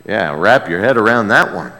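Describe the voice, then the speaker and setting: Bright and forceful, a low-leaning male voice with lively intonation carries a pastor's conversational sermon at a moderate pace. He addresses his congregation in a folksy way, asking rhetorical questions, and the large room rings with long hall reverb.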